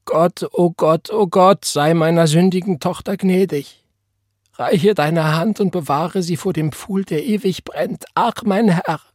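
A man reading an audiobook, voicing an old weeping mother who cries out a prayer in a high, wailing voice. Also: measured pace, a little mellow, no room sound, studio quality.

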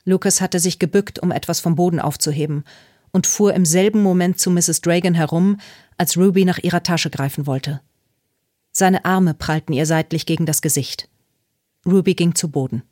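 A woman narrating a novel in a calm, measured way. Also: on the low side, no room sound, clean studio sound. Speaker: audiobook narrator. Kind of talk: scripted narration.

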